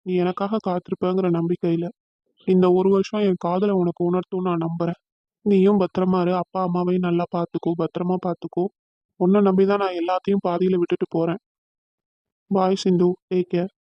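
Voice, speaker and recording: An earnest, lovesick young man in a cartoon, voiced by a man. He speaks tenderly in a high, flat voice. The recording is dull and lo-fi. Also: no room sound.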